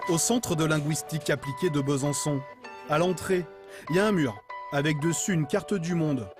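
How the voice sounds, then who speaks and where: Guy doing a tv report voiceover, slightly high voice, music under it. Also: moderate pace. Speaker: narrator. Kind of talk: scripted news narration. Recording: voice-over with music bed.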